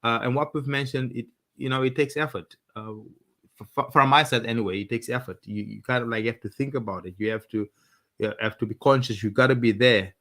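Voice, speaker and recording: A man co-hosting a casual live chat about marriage with his wife, speaking in halting, restarting phrases and laughing often. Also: medium pitch, fairly even intonation, fairly bright tone. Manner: halting, many restarts, chuckling. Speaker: co-host of a couple's live talk.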